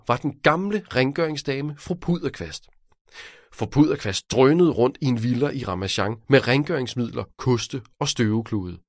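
A man's voice: medium pitch, no room sound, clean studio sound. A man, the author, narrating his own children's detective audiobook and speaking directly to a young listener. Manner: lively, addressing a child listener.

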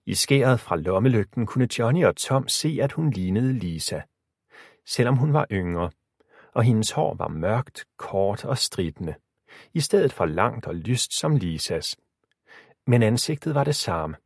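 Expressive male audiobook narrator. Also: fairly low pitch, breathy edge, dry recording, clean studio sound. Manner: expressive storytelling.

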